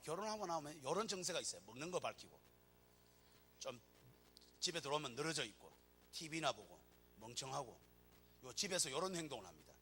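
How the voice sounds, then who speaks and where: A man's voice: medium pitch, slight background noise. A man with a Gyeongsang accent preaching a sermon as pastor, joking and acting out little scenes as he goes. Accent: Gyeongsang Korean. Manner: animated, joking preacher who acts out scenes.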